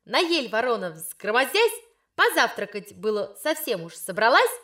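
A woman's voice: a little high, very animated, normal speed, bright, forceful tone. A woman voicing a schoolgirl reciting a fable in a sing-song way.

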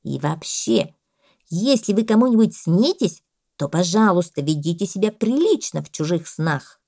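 A woman's voice: medium pitch, very animated, moderate pace, pitched above the performer's own voice. A woman doing a bossy pompous parrot. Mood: stern. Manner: loud, bossy and lecturing. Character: stern, fussy, self-important male parrot.

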